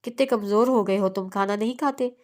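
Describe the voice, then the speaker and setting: A woman's voice: mid-range voice, brisk, lightly acted. Woman voicing a scolding, doting mother. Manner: scolding and loud. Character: angry doting mother of a grown son.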